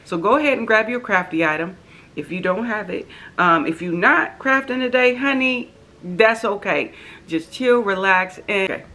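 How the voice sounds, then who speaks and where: Woman, American accent, medium pitch, chatty, folksy endearments, effusive, camera mic indoors, slight background noise. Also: lively intonation, moderate pace, sharp tone. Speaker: host of a crafting devotional channel. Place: living room sofa, indoors.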